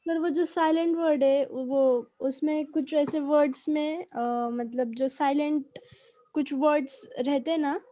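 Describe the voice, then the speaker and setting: A woman's voice: high voice, fairly even intonation, measured pace, dark tone. A woman asking her teacher a question in class, hesitant and hunting for words. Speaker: student. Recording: muffled.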